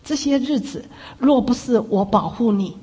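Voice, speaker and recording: A woman preacher voicing Jesus as a gentle, fatherly figure, speaking softly and slowly. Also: fairly high pitch, lively intonation, breathy edge. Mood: tender. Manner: soft, slow and tender. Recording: long reverb in a big hall.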